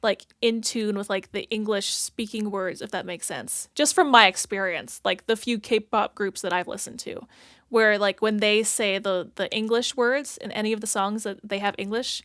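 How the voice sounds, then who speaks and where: A woman's voice: medium pitch, steady tone, moderate pace, a bit bright, no echo, clean studio sound. A woman hosting a reaction video, rambling casually, filling her talk with "like" and "if that makes sense" as she searches for words. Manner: thinks aloud, searching for words.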